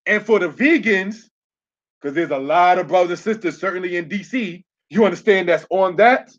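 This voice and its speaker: At a normal speed and with a voice that sits high, a male religious teacher works through slides in an online lesson. He spells words out letter by letter, asks "all right?" as he goes, and the audio is dull and lo-fi.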